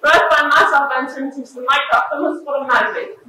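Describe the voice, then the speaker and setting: Shrewd, teasing gentleman detective played by a teen girl, high voice, fast talker, distant echoey stage recording. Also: steady tone, a little hiss or hum. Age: teens. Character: shrewd, secretive male detective, middle-aged. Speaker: student actor. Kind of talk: stage play performance. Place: school theatre stage. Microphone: distant room mic. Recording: echoey hall from far off.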